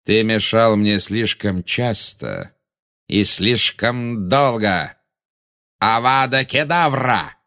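Cold sneering wizard villain, man putting him on for an audiobook, slow and menacing. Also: lowish voice, fairly bright tone. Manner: snarling, contemptuous.

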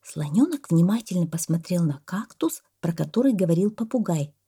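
Female storybook narrator, soft delivery, husky tone, lots of pitch movement. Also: lively intonation, moderate pace.

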